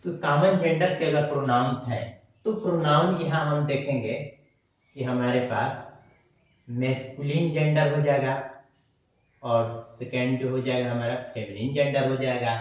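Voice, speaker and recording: A man teaching a grammar lesson, who repeats words slowly as he writes them on a board. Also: medium pitch, fairly even intonation. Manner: slow, repeats terms while writing on a board. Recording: dull echoey room, mic far off.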